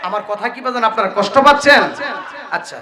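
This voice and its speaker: A man's voice: very high-pitched, brisk. A man preaching an Islamic sermon, moving between melodic chanted verses and spoken talk and calling the crowd to answer back. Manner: alternates melodic chanting and talk, urges crowd to respond aloud. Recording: echoey loudspeaker sound with crowd behind.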